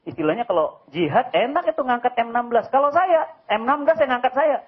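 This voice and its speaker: A man, giving a lively sermon full of jokes and rhetorical questions. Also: very high-pitched, quick pace, breathy edge. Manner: animated, joking, asks rhetorical questions. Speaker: preacher. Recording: dull lo-fi recording.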